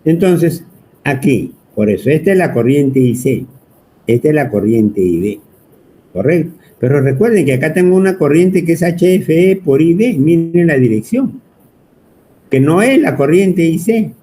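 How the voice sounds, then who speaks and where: Spanish-speaking guy teaching circuits, chatty, keeps asking the class, kinda dark mellow voice. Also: a little high, lively intonation, measured pace, slight background noise. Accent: Peruvian Spanish. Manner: chatty, teasing, asks the class constantly. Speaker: electronics teacher. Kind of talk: whiteboard lecture.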